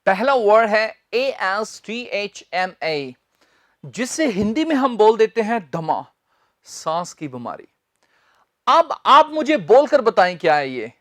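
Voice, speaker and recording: A woman with a Hindi accent teaching English pronunciation, repeating each word slowly and drilling her students. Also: mid-range voice, sing-song, no echo, clean studio sound. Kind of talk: pronunciation lesson.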